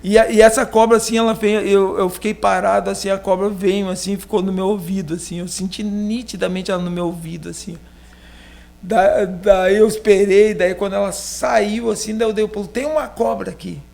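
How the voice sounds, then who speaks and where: A man's voice: sits high, flat delivery, moderate pace, vocal fry, a little mellow. A man with a southern Brazilian accent from Rio Grande do Sul, a pastor casually telling a personal story on a podcast in a rambling, filler-heavy way. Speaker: pastor being interviewed.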